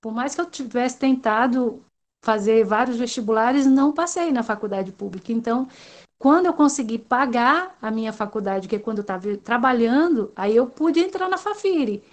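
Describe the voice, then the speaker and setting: A woman's voice: fairly high pitch, animated, normal speed. A woman from Salvador, talking in a rambling, hesitant way with many fillers during an online class discussion. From Salvador, Brazil.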